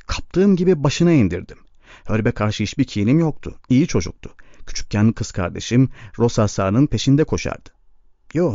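Blunt young farmhand played by a man, gruff, plainspoken, dark voice, dull recording. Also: medium pitch, dry recording.

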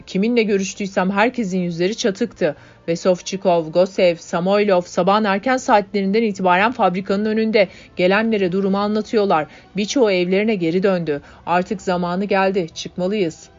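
A woman's voice: mid-range voice, quick pace, hardly any pauses, lightly acted. A woman voicing an eager young male factory worker who speaks with breathless urgency. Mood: excited. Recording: dull lo-fi audiobook, faint music.

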